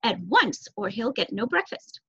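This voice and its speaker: A woman voicing a warm, brisk mother mouse in a storybook reading, calling out cheerfully. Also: mid-range voice, sing-song, breathy edge, exaggerated voice. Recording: dull lo-fi recording.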